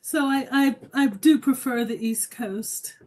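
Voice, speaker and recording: A woman from Pittsburgh, Pennsylvania, calls in to a livestream. Her voice is high, and she talks politely and hesitantly, often pausing with fillers. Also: a little mellow, rough recording. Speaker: caller. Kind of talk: casual call-in chat.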